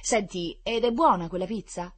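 A woman's voice: normal speed, husky. A woman voicing an impatient little boy with his arm in a sling, blurting out questions in a storybook reading. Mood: excited. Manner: excitable, shrill, blurting.

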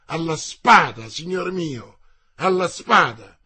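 A man's voice: sits high, big pitch swings, slow pace, crowd noise, voice pushed up, full character voice. A man doing a mocking noble swordsman. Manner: vibrant and mocking.

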